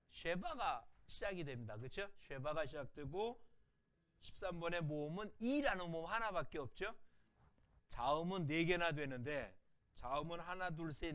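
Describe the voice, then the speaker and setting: A man's voice: on the high side, lively intonation. A middle-aged man giving a recorded language lecture, patiently explaining and answering his own rhetorical questions. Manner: repeats example words slowly and softly.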